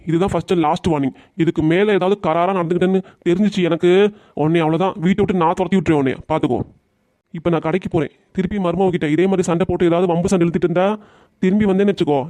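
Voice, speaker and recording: A man voicing a stern, scolding family father in a cartoon comedy, talking in quick bursts. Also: high voice, a little mellow, no echo, lightly acted.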